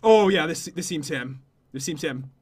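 A man's voice: fairly high pitch, expressive, a little mellow, husky. A young man co-hosting a gameplay video, bantering casually and joking at his own expense. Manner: joking, playful, quick to laugh at himself. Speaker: gaming channel co-host.

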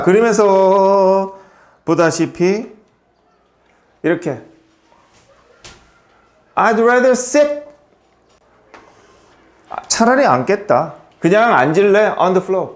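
A man teaching an English grammar lesson in a small academy classroom, explaining step by step and quizzing his students with questions. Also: fairly high pitch.

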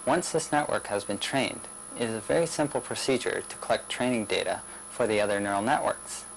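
A young man narrating a demonstration video in a measured, plain explanatory way. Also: on the low side, vocal fry, a little hiss or hum, low-quality recording. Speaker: researcher demonstrating a system. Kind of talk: scripted narration of a demo video.

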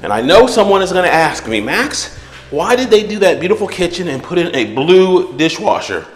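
A man, a real estate agent, narrating a walkthrough of a house as he walks it, relaxed and explanatory with frequent fillers. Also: high-pitched, moderate pace. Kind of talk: walkthrough home tour narration. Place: outdoors then inside an empty house.

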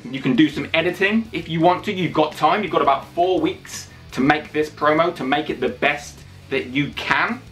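A man in his thirties hosting a video, making an enthusiastic announcement to camera with energetic, hammy emphasis and drawn-out phrases. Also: a little high. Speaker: YouTube wrestling channel host. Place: small indoor room with posters. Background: music.

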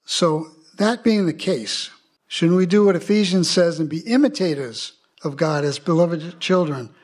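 A man's voice: on the high side, a little slow. An older man, a pastor, preaching a sermon in an earnest way and reading scripture aloud.

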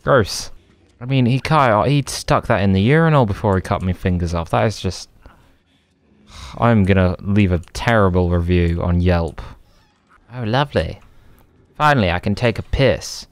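A man's voice: fairly low pitch, moderate pace, no room sound. A man giving casual gameplay commentary in a sarcastic, jokey way. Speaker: gaming commentator.

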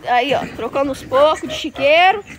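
A woman's voice: sits high, moderate pace. A woman vlogging outdoors on a farm, chatting to her viewers and coaxing animals with repeated calls, recorded on a phone camera. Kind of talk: casual farm vlog.

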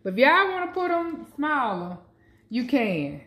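In a noisy home kitchen where a pan sizzles, a cooking vlogger keeps up casual chat with her viewers while she cooks, filming on a phone held in one hand. Her voice is high and sharp in tone, with big pitch swings and a measured pace.

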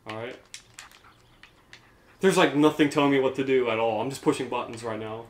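A man's voice: medium pitch, brisk. A young man thinking aloud and rambling casually while he plays a game on a co-hosted gaming channel. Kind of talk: casual let's-play chat. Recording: roomy home recording with faint noise.

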